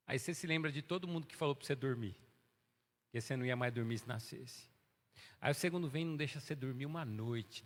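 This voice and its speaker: A man preaching a sermon as pastor, animated and folksy, swinging between soft asides and loud exhortation. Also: medium pitch. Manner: folksy storytelling, voicing everyday people. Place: church sanctuary. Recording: long church reverb.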